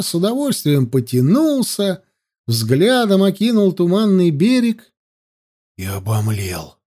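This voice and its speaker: Male storyteller, expressive narration, warm dark tone, animated delivery. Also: a little high. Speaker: audiobook narrator. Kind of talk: scripted narration.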